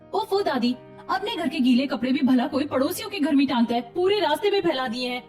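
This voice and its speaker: A woman's voice: sits high, expressive, a little fast, a little mellow, recorded from a distance, soft background music. A woman doing a whiny young college girl. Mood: exasperated. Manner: whiny, exasperated.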